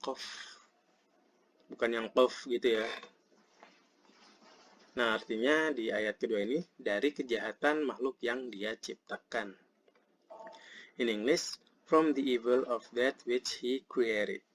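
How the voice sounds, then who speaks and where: A man with an Indonesian accent teaches a Quran recitation lesson, patiently explaining each verse and reciting it slowly. His voice is medium-pitched with a breathy edge.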